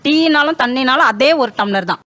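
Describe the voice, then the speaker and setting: A woman's voice: high-pitched, lively intonation, fairly quick, fairly bright tone, a little hiss or hum. A woman house maid on a studio debate, earnestly telling of unfair treatment at work. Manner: earnest, detailed complaint. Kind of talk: telling her own experience.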